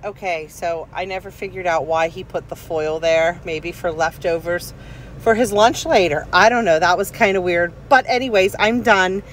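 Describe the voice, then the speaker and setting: A woman's voice: on the low side, normal speed, a little hiss or hum. A woman in her forties chatting casually about a personal experience in a rambling, emphatic, conversational way. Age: 40s. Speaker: vlogger.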